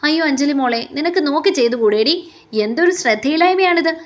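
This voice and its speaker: A woman voicing a domineering older aunt in a storybook reading, scolding in a sharp, raised voice. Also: a little high, fairly even intonation, brisk, close to an everyday voice.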